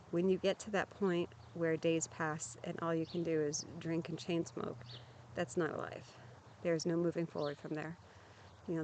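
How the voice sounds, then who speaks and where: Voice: medium pitch, a little hiss or hum. A vlogger talking candidly to camera outdoors at a campsite, sharing lived experience in a frank, earnest, plainspoken way with frequent restarts. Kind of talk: candid personal talk to camera.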